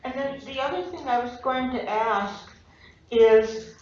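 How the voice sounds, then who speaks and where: A woman asking questions during public comment at a school board meeting, deliberate and a little wry. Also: a little high, a little mellow. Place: echoey public meeting room. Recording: echoey, dull meeting-room audio with faint room noise.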